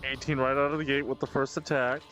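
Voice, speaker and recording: A man's voice: medium pitch, level tone, fast, a bit bright, faint music behind. A man narrating as game master of a tabletop session, loose and laughing, with many fillers.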